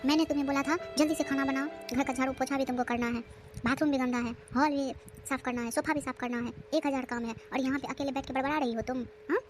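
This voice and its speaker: A woman voicing a cruel, bossy sister-in-law who nags and scolds loudly in a cartoon. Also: high voice, steady tone, quick pace, over music, natural voice. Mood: scolding. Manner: harsh, nagging, loud.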